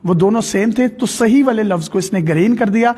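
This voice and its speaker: A man's voice: high-pitched, mellow, breathy edge. A man hosting an interview, explaining an app step by step in devout phrasing. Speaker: host.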